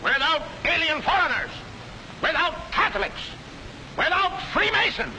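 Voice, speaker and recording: An actor in a 1940s film playing a fiery, hectoring street-corner agitator, on a noisy old soundtrack. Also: male voice, very high-pitched, very animated, a little slow, pushed and bright, exaggerated voice. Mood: ranting. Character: ranting bigoted male rabble-rouser, middle-aged.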